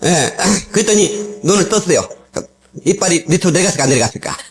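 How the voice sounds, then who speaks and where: Animated pastor telling testimony on old tape. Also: male voice, high voice, fast talker, slight background noise. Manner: animated storytelling, acting out quoted voices, frequent laughter. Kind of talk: sermon with personal testimony. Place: church sanctuary. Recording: old cassette tape sermon recording with congregation audible.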